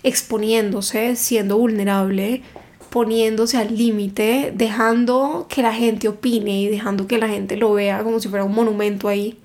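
A woman, a book content creator telling stories in a casual interview, emphatic and animated. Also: mid-range voice, unhurried. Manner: animated, emphatic storytelling with reported dialogue.

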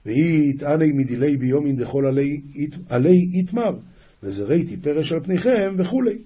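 A man's voice: on the high side, expressive, mellow, breathy edge. A male rabbi teaching a daily lesson, reading an old religious passage aloud and explaining it phrase by phrase, often restarting words as he goes. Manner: reads an ancient passage aloud, then explains each phrase; frequent restarts and self-corrections.

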